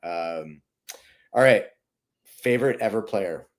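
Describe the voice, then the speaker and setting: A man's voice: lowish voice, lively intonation, slow pace. A man hosting a podcast, chatting casually and agreeably with his guest. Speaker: podcast host. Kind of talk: casual chat.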